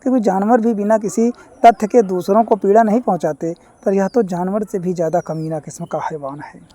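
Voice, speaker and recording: A storyteller reading a story aloud in a measured, formal way, with reflective asides. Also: mid-range voice, steady tone, warm tone. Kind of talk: scripted story narration.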